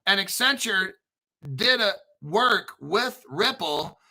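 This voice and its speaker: Over a rough recording, a high-pitched man hosts an informal crypto show at a slow pace, commenting on articles. His tone is excitable and sarcastic, with swearing and frequent throat-clearing.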